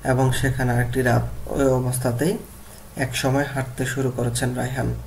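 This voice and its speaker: Male teacher, classroom lesson, repeats words slowly, mid pitch, faint background noise. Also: little pitch movement, darkish tone. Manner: repeats words slowly and deliberately to model pronunciation. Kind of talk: classroom lesson explaining vocabulary and pronunciation.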